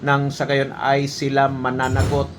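A man's voice: medium pitch, monotone, a little slow, background noise. A Filipino man giving opinion commentary in an emphatic, scolding manner, often posing rhetorical questions like a training officer.

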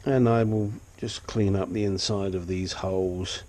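With a deep, warm, steady voice and a slightly slow pace, an older man with a runny nose casually shows off his engine restoration in a cluttered home garage workshop. He's blunt, chatty, and quick to poke fun at himself.

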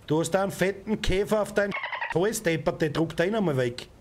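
Brief: young Austrian gaming streamer, high voice, angry outbursts at traffic, faint hiss in the room. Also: male voice, a little fast. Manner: swears and shouts at other drivers. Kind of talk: let's play commentary. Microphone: desk mic with headset.

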